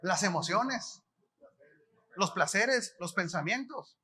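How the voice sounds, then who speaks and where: A man with a Mexican accent preaching at a conference, his voice high and bright. He speaks colloquially and keeps putting questions to the crowd and answering them himself. The delivery is sharp and lively. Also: slow pace, breathy edge. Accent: Mexican Spanish. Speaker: apostle preaching. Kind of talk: conference sermon.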